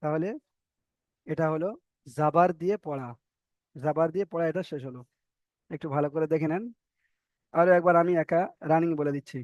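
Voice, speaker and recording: A man teaching a recorded online reading class, drilling letters slowly one by one and explaining in quick bursts. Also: on the high side, fairly even intonation, darkish tone, no room sound, dull audio.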